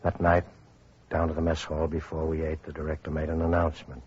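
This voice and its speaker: In an old-time radio drama, an actor narrates as a sober, caring survivor, recounting his hardship plainly. His very deep voice is monotone, a little fast, darkish, and husky. The dull vintage radio recording carries faint music.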